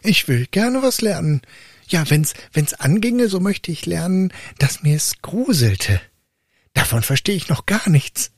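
A naive, fearless young lad from a fairy tale, voiced by a male storyteller, bold and earnest with a voice lifted high above the reader's own. The tone is husky and dry, close to the mic. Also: animated, unhurried, no room sound, full character voice.

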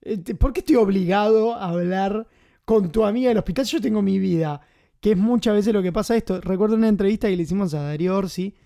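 Casting: Argentine man, casual film-review host, chatty, high mellow voice. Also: quick pace. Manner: chatty, enthusiastic, many fillers.

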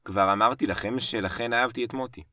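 A man narrating a first-person story in short phrases with dramatic pauses. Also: medium pitch, no echo. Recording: dry voice set back from the mic, soft music bed. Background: soft piano music.

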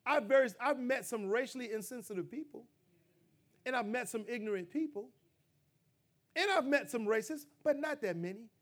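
A middle-aged man delivers a sermon in a notably high voice. He builds to loud, emphatic peaks, then falls back into low, quiet asides to the congregation. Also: normal speed. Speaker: pastor.

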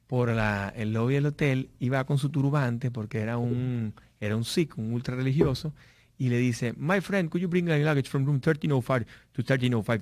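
A man's voice: medium pitch, darkish tone, dry recording. Man, motivational business speaker, anecdotal and casual, dry recording. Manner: storytelling, frequent fillers and restarts.

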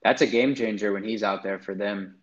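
A man's voice: on the low side, steady tone, fairly quick, dull audio. A man co-hosting a sports podcast, easygoing and steering the talk. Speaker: podcast co-host. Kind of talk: casual sports chat.

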